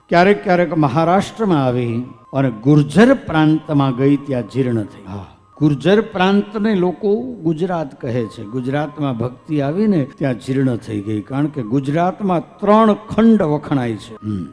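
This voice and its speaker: A man's voice: a little high, lively intonation, normal speed, a little mellow. A man from Saurashtra with a Gujarati accent, telling a devotional story sermon, reciting scripture verses in a singing lilt and then explaining them plainly. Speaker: religious storyteller. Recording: long hall reverb with faint music.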